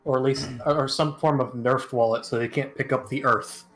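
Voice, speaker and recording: A man's voice: mid-range voice, steady tone, fairly quick, fairly bright tone, faint music behind. A man chatting casually on a group voice call, making dry, offhand jokes.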